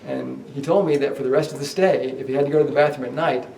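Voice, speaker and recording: Here a fast-talking man with a creaky yet mellow mid-range voice keeps a steady tone as he narrates ghost stories on a hotel tour. He rambles, restarting often and using many fillers. The recording is distant and off-mic in an echoey hallway, with a little hiss or hum.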